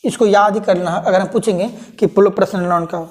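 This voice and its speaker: Woman, grammar teacher, mellow relaxed tone, slow repeated terms, checks understanding. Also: medium pitch. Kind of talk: classroom lesson explaining pronouns.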